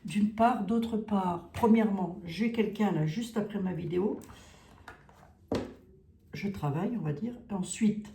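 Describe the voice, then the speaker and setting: A woman's voice: medium pitch, unhurried, long pauses, echoey room, a little hiss or hum. A woman with a Lorraine accent giving a chatty psychic card reading to her viewers, often tagging lines with "hein". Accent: Lorraine French. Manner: chatty, warm, peppered with "hein". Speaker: clairvoyant card reader.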